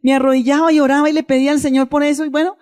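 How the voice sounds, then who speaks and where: A woman's voice: high-pitched, level tone, rapid-fire, a little mellow. A woman pastor giving a sermon, telling a personal testimony in a conversational, emotional way and addressing the congregation directly.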